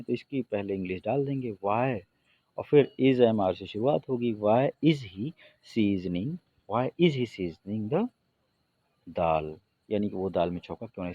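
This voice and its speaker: A man teaching an English grammar lesson in Hindi, reading the English example sentences slowly and deliberately. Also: on the low side, no room sound, muffled recording.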